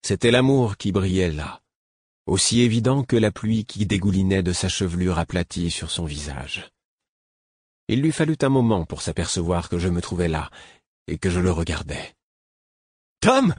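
Low, husky male storyteller. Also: no room sound, studio quality. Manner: calm, measured storytelling. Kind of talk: audiobook narration.

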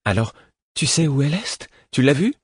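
A man's voice: medium pitch, very animated, normal speed, husky, no echo, studio quality, pitched above the performer's own voice. A man voicing a fierce, anxious young woman in an audiobook, pleading and urgent. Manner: pleading, then commanding and shouting. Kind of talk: audiobook character voice.

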